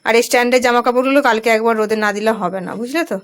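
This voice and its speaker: A woman in her thirties with a Bengali accent, chatting casually in a home vlog about her evening. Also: on the high side. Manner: chatty, drawn-out, softly spoken at times. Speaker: vlogger. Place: home at night.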